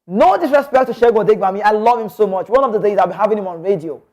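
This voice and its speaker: A Nigerian man hosts a sports talk show, delivering passionate, opinionated football commentary packed with emphatic rhetorical questions. His voice sits high with a darkish tone, and he talks very fast.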